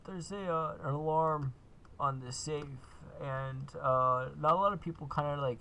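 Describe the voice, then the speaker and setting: Male game host, walkthrough, gravelly and a bit high, relaxed and rambling. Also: measured pace, highs cut off, slight background noise. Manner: laid-back, lots of uh and kinda. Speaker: gaming video host. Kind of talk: casual gameplay walkthrough.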